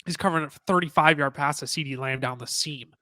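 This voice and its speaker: Bright, excitable podcast guy. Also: fairly high pitch, quick pace, no room sound. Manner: excitable, rambling with restarts. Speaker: podcast co-host. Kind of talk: casual sports talk.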